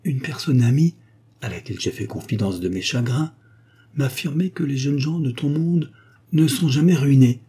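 A scheming young actress, as a male reader puts her on, coaxing and caressing in a storybook reading. The voice sits higher than his own yet stays mellow and a little husky. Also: moderate pace.

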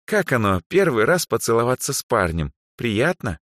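A man voicing a bold, teasing young noblewoman in an audiobook, in an ironic, cheeky way and a much higher voice. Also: big pitch swings, normal speed, a bit bright, dry recording, clean studio sound. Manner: ironic, cheeky, sharply raised voice.

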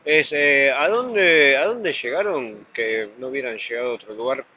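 A man's voice: medium pitch, animated, moderate pace. A man interviewing two poets, asking playful, rambling questions. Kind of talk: casual interview. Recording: tinny phone-like sound, background hiss.

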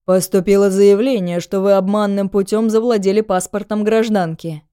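A woman's voice: mid-range voice, fairly even intonation, moderate pace, mellow, clean tone, dry recording, clean studio sound, natural voice. A woman voicing a stern male police captain who talks in firm, formal official phrases.

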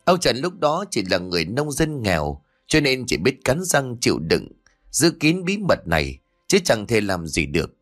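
A man's voice: mid-range voice, huge pitch swings, normal speed, a bit bright, soft background music. A man reading a dramatic story as audiobook narrator, in a storytelling manner.

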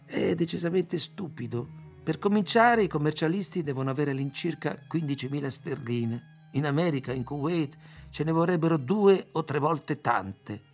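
A man's voice: fairly high pitch, expressive, moderate pace, creaky, soft background music, voice pushed up. A man reading aloud as a self-assured young man who boasts about business schemes. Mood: boastful.

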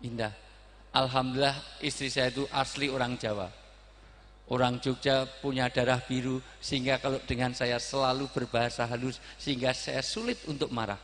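A man giving a humorous sermon, joking and bursting into sudden loud outbursts. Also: mid-range voice, little pitch movement, moderate pace, long reverb tail. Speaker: preacher.

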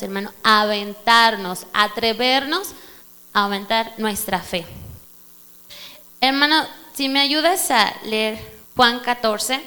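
Mexican woman preaching in church, tells her story all animated, keeps calling folks brother, bright higher voice, big hall echo with a hum under it. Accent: Mexican Spanish. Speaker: preacher giving a testimony. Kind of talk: sermon testimony. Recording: reverberant hall with mains hum.

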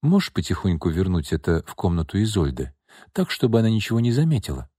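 A composed young heiress who speaks in a quiet, steady, low voice, as a male narrator reads her. The tone is husky and even, recorded dry and close. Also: quick pace, no room sound, exaggerated voice. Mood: calm.

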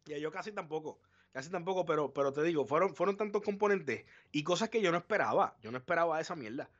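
A man co-hosting a live podcast, animated and profane, acting out his reactions. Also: a little high, fast talker, highs cut off. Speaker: podcast co-host. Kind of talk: casual live podcast chat.

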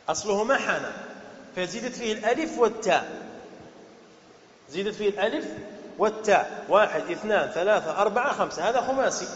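A man's voice: high-pitched, a little hiss or hum. A man teaching a grammar lesson, quizzing his class and repeating key words. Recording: dull echoey hall recording.

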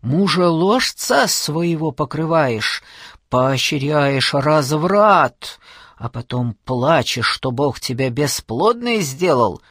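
A man's voice: expressive, takes it slowly, a bit bright, no room sound, clean studio sound, exaggerated voice. A man voicing a shrieking, furious older aunt. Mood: furious screaming. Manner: screaming, abusive, shrill outbursts.

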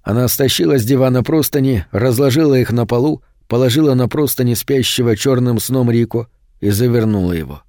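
A man narrating a horror audiobook in a steady, measured way. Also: mid-range voice, no echo, clean studio sound. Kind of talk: scripted narration.

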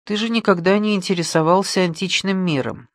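A man's voice: sits high, fairly even intonation, brisk, no echo, clean studio sound, voice pushed up, close to an everyday voice. A man voicing an easygoing, ironic male friend in a raised, teasing voice.

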